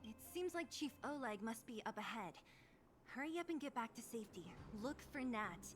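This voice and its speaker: A woman plays a firm young rescue leader from a video game, with a high, clear voice giving orders. Game music sits clearly under her commanding, dry delivery. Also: expressive, normal speed, close to an everyday voice. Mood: urgent.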